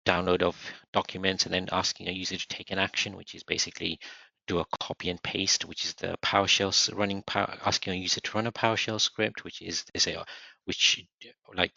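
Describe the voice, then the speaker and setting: A slightly hoarse man talks low and gravelly, with an edge of brightness. He presents on a video call, halting, restarting and filling gaps as he goes. The sound is dull and lo-fi. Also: no echo. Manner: halting, many restarts and fillers. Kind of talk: unscripted online presentation.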